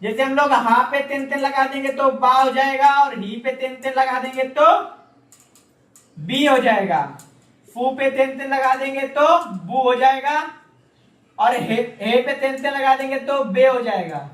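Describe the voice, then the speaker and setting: A man's voice: extremely high pitch, unhurried, a bit bright. A man teaching an online class, often asking a question and then answering it himself for learners to repeat. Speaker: Japanese language teacher. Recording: echoey room, mic far off.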